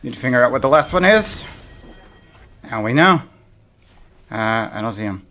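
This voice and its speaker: Animated streamer man, chuckling. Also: mid-range voice, normal speed. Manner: chuckles often, thinks aloud. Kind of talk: casual gameplay chat.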